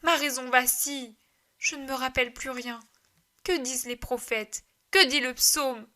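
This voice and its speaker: A woman's voice: fairly high pitch, fairly even intonation, a little slow, sharp tone. A woman reading aloud gives voice to a grieving mother who pleads and cries out in desperate faith. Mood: anguished. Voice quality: emotional pleading delivery.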